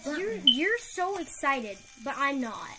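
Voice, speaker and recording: Chatty young woman, high voice. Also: very animated, takes it slowly. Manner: chatty, lots of "like", drops to whispers. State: headache. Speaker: vlogger. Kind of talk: casual chat. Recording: noisy home recording.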